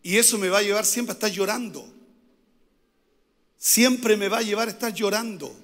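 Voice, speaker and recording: Chilean pastor preaching, high bright voice. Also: male voice, normal speed, long reverb tail. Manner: preaching with repeated phrases and call-and-response. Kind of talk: sermon.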